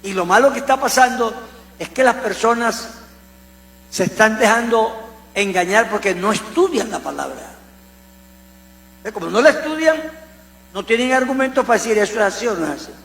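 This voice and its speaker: A man from Colombia, preaching a conversational sermon with animated storytelling and humorous asides. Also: sits high, moderate pace, vocal fry, pauses often. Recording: echoey hall with mains hum.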